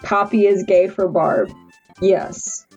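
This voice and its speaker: A woman's voice: mid-range voice, steady tone, a little mellow, husky, lo-fi sound, faint music behind. Tipsy woman rambling through a review. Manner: halting and stumbling, mock-earnest analysis. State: tipsy, drunk. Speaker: amateur movie reviewer. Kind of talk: casual rambling video review from notes.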